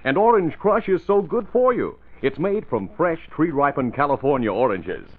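Chipper 1950s radio ad man, swooping pitch. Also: big pitch swings, moderate pace. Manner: folksy, enthusiastic, emphatic selling to youngsters. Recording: old radio broadcast, thin narrow band.

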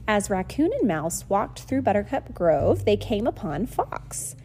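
A woman reading a children's storybook aloud to her kids in a lively, sing-song voice. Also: medium pitch, measured pace, soft background music.

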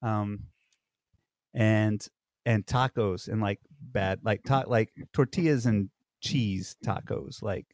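A man's voice: fairly low pitch, slow, darkish tone, dry recording, studio quality. A man co-hosting a podcast, telling stories in rambling casual chat full of fillers and restarts. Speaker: podcast co-host. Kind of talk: casual conversation.

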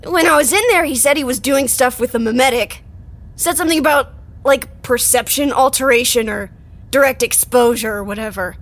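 A woman's voice: high-pitched, moderate pace, close to an everyday voice. An actress playing a dismissive coworker who shrugs off her colleague's worries. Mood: offhand. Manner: offhand, dismissive.

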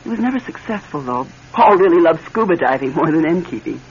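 Sitting low and carrying a darkish tone, her expressive voice moves fairly quickly. She portrays an anxious, affectionate wife haunted by her late husband in a classic radio drama, hesitant, emotional, confessional yet evasive, heard through a dull, hissy old recording.

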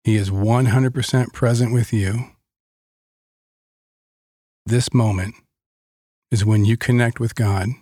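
Slow, calm man guiding a meditation. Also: lowish voice, dry recording, studio quality. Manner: slow, calm, deliberate with long pauses. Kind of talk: guided meditation with Bible teaching.

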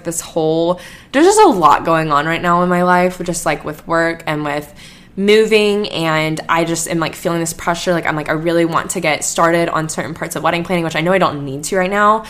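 A young woman talks through her week on her own podcast. She rambles in a casual way, restarting sentences and filling gaps with "like." Her voice sits on the lower side. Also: a bit bright. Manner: rambling, many "like" fillers and restarts. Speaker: podcast host. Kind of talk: casual solo podcast chat.

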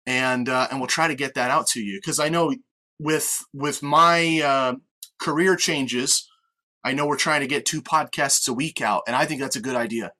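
A man's voice: medium pitch, normal speed, pushed and bright. An American man hosting a casual sports podcast, chatting conversationally over an online call. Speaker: podcast host with on-air experience. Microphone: online video meeting call.

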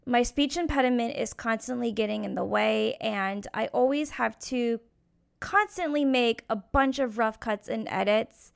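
A young woman hosts her own podcast in a casual solo monologue, speaking candidly and frankly with frequent "like" fillers. Her voice sits on the high side, a little slow, with vocal fry and a clear, resonant tone.

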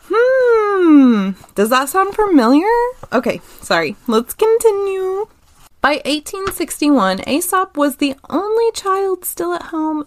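High-voiced woman podcast co-host, closely recorded. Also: no room sound, clean studio sound. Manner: chatty, informal asides while reading. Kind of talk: casual chat mixed with reading an old news story aloud.

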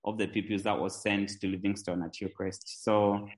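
Male podcast guest from Zambia, low pitch, unhurried anecdotal delivery. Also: a little hiss or hum. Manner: relaxed storytelling with fillers and restarts. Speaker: guest, tech entrepreneur. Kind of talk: conversational interview.

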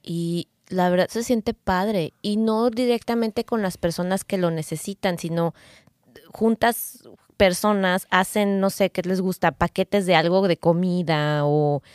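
A woman's voice: fairly low pitch, steady tone, unhurried, no echo, studio quality. A middle-aged Mexican woman co-hosting a casual podcast, chatty, working through a list of tips with asides. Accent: Mexican Spanish. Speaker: podcast co-host.

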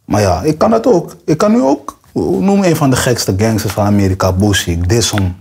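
A man's voice: fairly low pitch, moderate pace, vocal fry, a little hiss or hum. A young man rapper, interview guest, talking in casual street slang and acting out quotes with a raised voice. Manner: animated, acts out quotes with raised voice.

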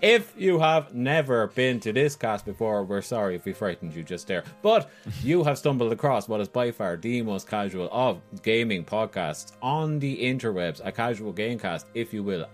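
Animated man hosting a casual podcast. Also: lowish voice, moderate pace, faint music behind. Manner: informal, playful. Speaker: podcast host.

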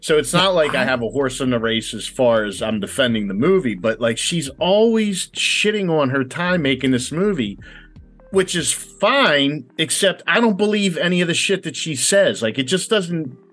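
A man's voice: a little high, lively intonation, normal speed, a bit bright, faint music behind. A man chatting as a podcast panelist, opinionated and rambling, with frequent hesitations. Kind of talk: casual podcast chat.

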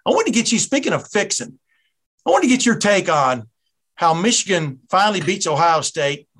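Southern American male host, bright upper voice, casual rambling interviewer. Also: high voice, big pitch swings, brisk. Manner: rambling, chatty, many restarts. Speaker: podcast host. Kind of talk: casual sports podcast interview.

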